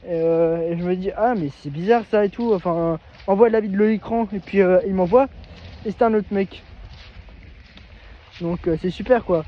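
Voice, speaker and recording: A man casually telling a personal story to camera, halting and restarting often. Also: high voice. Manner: hesitant, halting, many restarts. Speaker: vlogger. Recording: dull lo-fi recording.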